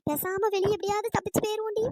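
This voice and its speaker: A squeaky, very high cartoon village woman, voiced through pitch-raising, who nags and bickers in a shrill, sing-song way. The sound is close and dry with no room around it. It reads like a cartoon storytelling voice. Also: level tone, rapid-fire, a little mellow, dry recording. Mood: scolding. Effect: pitch-raised voice.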